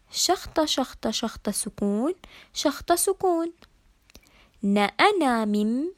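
High-voiced woman reading out a lesson. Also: darkish tone. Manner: slow, careful syllable-by-syllable scansion. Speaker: teacher. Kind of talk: reading out answers to a poetry lesson.

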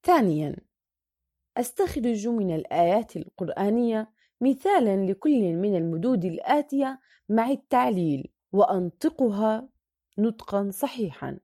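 A woman's voice: medium pitch, animated, normal speed, mellow, dry recording, studio quality. A woman teacher reading a Quran recitation worksheet aloud, going through each question and answer methodically and drawing out the example words.

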